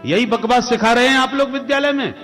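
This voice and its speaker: A man voicing a furious, domineering demon king father who shouts accusations and threats. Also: very high voice, fast, soft background music, voice pushed up.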